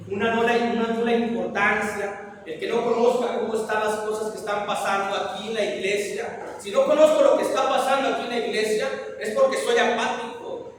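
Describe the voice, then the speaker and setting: High-voiced preacher man in an echoey hall. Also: recorded from a distance, slight background noise. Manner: preaching with rhetorical questions, emphatic. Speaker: pastor. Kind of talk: sermon. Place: church meeting hall.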